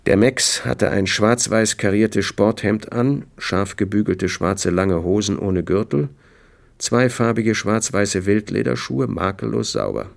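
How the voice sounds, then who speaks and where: Man, audiobook narrator, very low pitch, gravelly, dry storytelling. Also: a little slow. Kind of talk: scripted narration.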